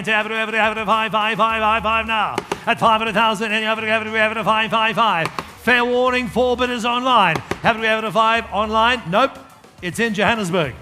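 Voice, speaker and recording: A man working as an auctioneer, rattling out repeated numbers and calls in a rapid chant to urge bidders on. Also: high-pitched, pushed and bright. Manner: rattling, repetitive calling, urging bidders. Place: large auction hall. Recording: echoey hall PA with background music.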